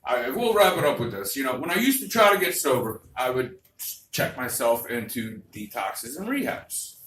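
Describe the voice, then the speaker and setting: Crude stand-up comic, bright lively voice. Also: male voice, mid-range voice, moderate pace. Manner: crude, vulgar, rambling storytelling. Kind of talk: stand-up comedy set. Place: comedy club stage. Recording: roomy club, distant mic, faint noise.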